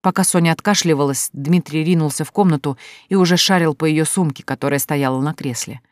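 An audiobook narrator reading a novel chapter in a steady, even manner. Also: mid-range voice, brisk, no room sound, clean studio sound. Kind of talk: scripted narration.

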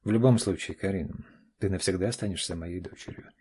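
A man with a low-pitched, warm, husky voice speaks a little fast as he voices a character in an audiobook. The character is a firm, self-assured middle-aged father, and the lines come out curt and clipped.

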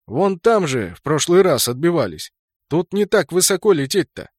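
A man's voice: mid-range voice, a little fast, a bit bright, no echo, natural voice. Guy doing a brash knight gamer, mocking, chatty slangy, fantasy audiobook, dry sound. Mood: indignant. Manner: brash, colloquial exclaiming.

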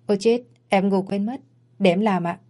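A woman's voice: medium pitch, moderate pace, dark tone, natural voice. A woman voicing a timid young maid from the countryside, polite and pleading.

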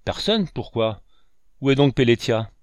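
A man's voice: medium pitch, expressive, unhurried, dry recording, voice pushed up, natural voice. A man doing a hearty old farmer. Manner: loud, hearty. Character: gruff old farmer, the father.

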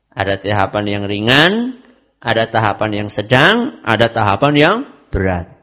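A man's voice: medium pitch, fairly bright tone. A man giving a religious study lecture on parenting, asking and answering his own questions. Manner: asks and answers his own questions, mixes in Javanese words. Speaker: Islamic preacher.

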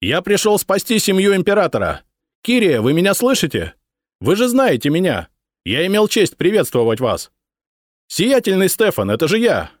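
Brief: a man playing a bossy noble officer, loud and impatient, raised high voice, dry audiobook sound. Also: huge pitch swings, normal speed, no room sound, full character voice. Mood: commanding, irritated. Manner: shouting, impatient. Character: angry commanding male noble officer.

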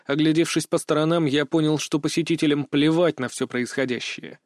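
A man narrating a first-person fantasy audiobook in an expressive storytelling manner. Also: a little high, a little fast, no echo, clean studio sound.

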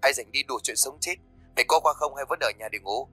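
A man voicing an older mother who scolds her son bluntly on the phone, softer and higher than his narration. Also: fast, slightly rough, no echo, faint music behind, poor audio. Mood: scolding.

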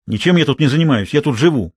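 A man's voice: fairly high pitch, expressive, quick pace, a little mellow, husky, no echo, studio quality. A man doing a sulky young boy. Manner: sulky, defensive.

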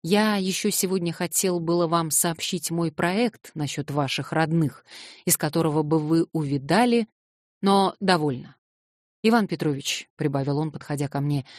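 A cold, haughty older prince lectures with smooth condescension, as a woman narrator puts him on. His voice is pitched low for her and recorded close and dry, in the manner of a storybook reading. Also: darkish tone, dry recording, lightly acted. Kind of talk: audiobook reading.

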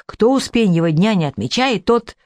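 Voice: medium pitch, animated, moderate pace, darkish tone, no room sound, natural voice. Man doing an eager stocky village fellow.

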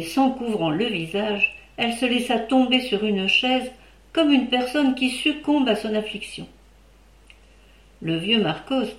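A woman narrating a classic novel in a steady storytelling voice of medium pitch. The room adds a noticeable echo around her reading. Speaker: audiobook reader. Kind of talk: scripted narration. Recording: roomy echo.

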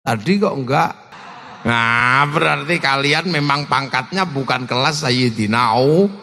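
A male preacher, telling stories dramatically and swinging between shouts and low asides. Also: unhurried, slight background noise. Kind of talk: humorous sermon storytelling. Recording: long hall reverb.

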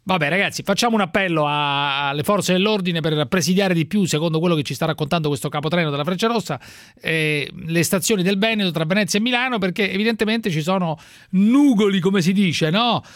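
Needling, high-pitched man hosting talk radio. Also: a little fast, fairly bright tone, dry recording, studio quality. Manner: needling, interrupting, blunt. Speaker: radio talk show host. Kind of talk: live call-in debate.

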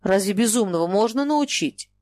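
A woman's voice: mid-range voice, lively intonation, moderate pace, no echo, natural voice. A woman playing a stern old abbess. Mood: sharp. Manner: sharp, snapping commands. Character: stern older abbess, sharp and domineering.

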